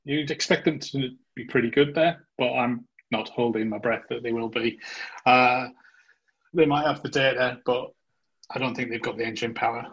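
A man's voice: mid-range voice, fairly even intonation, normal speed, a bit bright, husky, dull audio. A man hosting a podcast in casual interview chat, with a hesitant, rambling way of talking. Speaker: podcast host.

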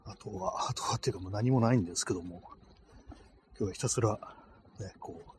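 A man with a lowish voice chats loosely into a phone as he walks outside at night. He rambles and hesitates, stringing thoughts together with fillers. Faint street ambience sits under his voice. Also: a little fast, darkish tone, a little hiss or hum. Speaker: podcast host. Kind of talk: casual solo talk while walking. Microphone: phone held in cold hands.

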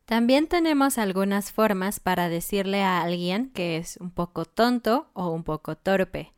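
A woman's voice: medium pitch, expressive, a little slow, smooth. A woman with a Mexican accent who patiently explains slang in a casual lesson and laughs easily. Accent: Mexican Spanish. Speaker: Spanish teacher.

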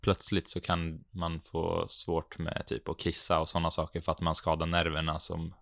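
A man speaks Swedish with a Stockholm accent in a low register. He chats casually as a podcast co-host, and the sound is dry, with very little room on it. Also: monotone, vocal fry, a bit bright, no echo. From Avesta, Dalarna, Sweden. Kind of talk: casual chat.

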